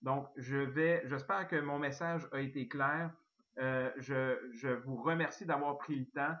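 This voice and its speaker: A man with a Québécois French accent giving an eager, excitable sales pitch on a recorded online call, full of fillers and restarts. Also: unhurried, muffled recording. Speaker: network marketing presenter.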